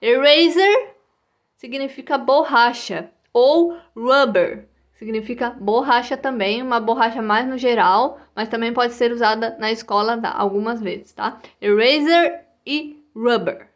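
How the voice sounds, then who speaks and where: A woman teaching English vocabulary to children in a slow, patient way, repeating each word and checking in with short tags. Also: on the high side.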